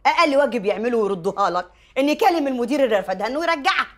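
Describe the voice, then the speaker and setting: An actress playing a sharp-tongued, theatrical middle-aged Egyptian mother and school principal, mocking her husband. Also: on the high side, lively intonation, very fast. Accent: Egyptian Arabic. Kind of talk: TV drama acting.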